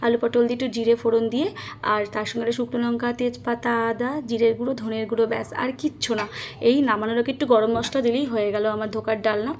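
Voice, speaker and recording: A home vlogger narrates her daily housework in the kitchen and on the rooftop, chatting straight to her viewers as she does chores. Her voice is a little high and darkish, with a level tone and rapid-fire delivery, plus a little hiss or hum.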